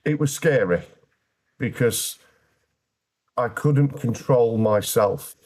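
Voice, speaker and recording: A man's voice: mid-range voice, slow, darkish tone, husky. A British man speaking as an interview guest, telling his personal story candidly in a plain-spoken way with dry, wry humour.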